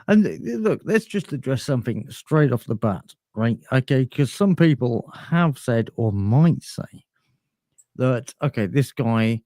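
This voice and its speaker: Podcast host, male, mellow, dry close sound, rambling boastful ironic banter. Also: medium pitch, very animated, measured pace, dry recording. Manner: rambling, boastful, filler-heavy.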